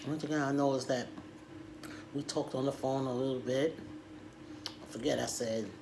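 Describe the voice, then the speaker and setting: A middle-aged woman telling a personal story in a casual, halting, animated, conversational way. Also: a bass voice. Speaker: storytime vlogger. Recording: clear background noise.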